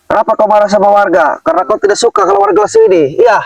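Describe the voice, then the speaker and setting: A man's voice: high voice, huge pitch swings, fast, creaky, no room sound, distant mic, low-quality recording. A man leading an exorcism, questioning sternly and breaking into frequent Islamic exclamations. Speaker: exorcist, host. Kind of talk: exorcism session.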